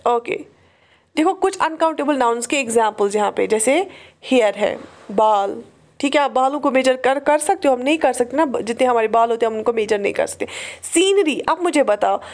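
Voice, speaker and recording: A woman, a native Urdu speaker, teaching English grammar in a lecture. She explains in Hindi-Urdu, says the English example sentences slowly and deliberately, and often checks in with the class. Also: a little high, expressive. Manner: often checks in with "theek hai" and "right".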